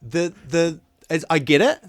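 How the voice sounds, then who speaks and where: A man appearing as a comedian guest on a casual podcast, trading deadpan quips with stammering restarts. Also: a little high, unhurried, no echo, clean studio sound.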